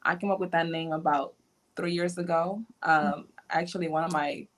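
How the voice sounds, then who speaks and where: A woman's voice: low voice, fairly even intonation, normal speed. A young woman from Honduras chatting casually as a livestream guest, storytelling with lots of fillers over an earphone mic on a video call. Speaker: guest blogger. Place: indoors at home.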